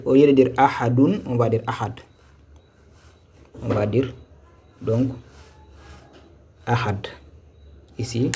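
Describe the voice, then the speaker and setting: Male teacher, live online reading lesson, mellow husky voice, slow patient repetition. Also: medium pitch. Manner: patient, repetitive, spells out syllables slowly.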